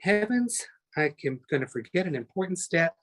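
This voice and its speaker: A man's voice: fairly high pitch, unhurried. A man teaching a live online painting class, chatty and talking through each step as he works, often correcting himself mid-sentence. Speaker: painting instructor.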